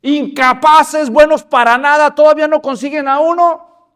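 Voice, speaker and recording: A man voicing a scornful giant warrior who shouts insults at his enemies. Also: very high-pitched, steady tone, moderate pace, voice pushed up. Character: scornful giant male warrior, bellowing taunts.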